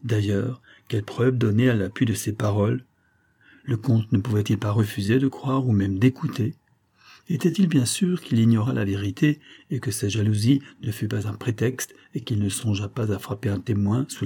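A man reading a classic novella aloud in a measured, dramatic style. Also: on the low side, mellow, husky. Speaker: audiobook reader. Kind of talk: scripted narration of a classic novella.

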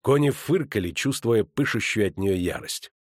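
A man reading audiobook narration in a measured, expressive way. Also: on the low side, dry recording, clean studio sound. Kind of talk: scripted narration.

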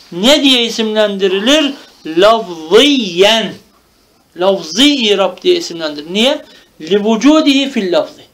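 A religious teacher with a high-pitched, slightly bright voice works through a classical grammar text. He reads each Arabic phrase, explains it in Turkish, and often checks in with "tamam?".

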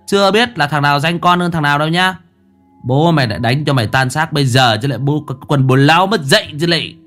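A brash, cocky young apprentice, as a male storyteller puts him on, rough-tongued and mouthy. His voice jumps up loud and high as he mouths off, over faint music. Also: animated, quick pace. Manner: rough, mouthy street talk.

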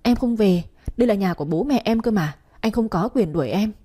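Woman playing a shrill spiteful sister-in-law. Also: animated, brisk, dark tone, husky.

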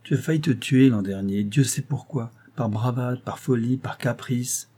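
A man voicing an aging, loyal female servant with a cracked, tired voice, speaking slowly with halting pauses. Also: mid-range voice, mellow, breathy edge, voice pushed up, close to an everyday voice. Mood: weary scolding.

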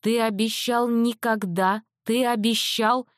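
Wounded, proud mother, read by a woman narrator: raised pitch, reproachful edge. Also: steady tone, slow pace, no room sound, studio quality. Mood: hurt.

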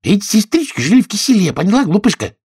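A man's voice: high voice, big pitch swings, fast talker, a little mellow, husky, dry recording, studio quality, voice pushed up, full character voice. A man voicing a cheeky, argumentative hatter in a storybook, needling with a raised voice. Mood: mocking. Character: mocking, argumentative male hatter.

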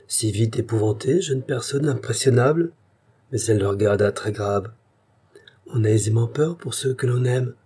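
A man narrating a literary short story in a measured storytelling manner. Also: medium pitch, mellow, breathy edge.

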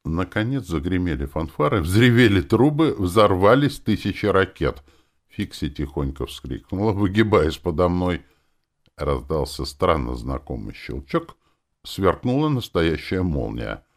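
A male narrator reads a fantasy novel in the first person. His voice is very low but animated, moving freely up and down in pitch. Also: unhurried. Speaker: audiobook narrator.

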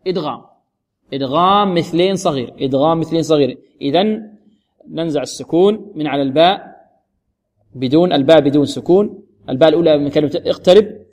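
Man, recitation teacher, lightly raised pitch, drills rules and demonstrates sounds slowly. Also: a little mellow. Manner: quizzes listeners and answers himself, repeating each rule. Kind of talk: recitation lesson.

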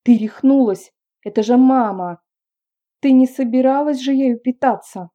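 A woman's voice: mid-range voice, slow pace, dull audio. A woman voicing an angry, resentful nineteen-year-old brother who hisses his words, in an audiobook reading. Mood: shouting. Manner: hissing, resentful. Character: angry male teen brother, sullen.

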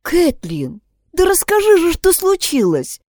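A woman reading an audiobook, voicing a kind teenage schoolgirl who gently coaxes a friend. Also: sits high, sing-song, normal speed, dry recording, clean studio sound, pitched above the performer's own voice. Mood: coaxing. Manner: gentle, coaxing.

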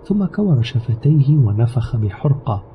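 A man's voice: mid-range voice, slight background noise. Man narrating an audio novel steadily. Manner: steady, measured storytelling. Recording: slightly dull recording with background music. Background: soft music.

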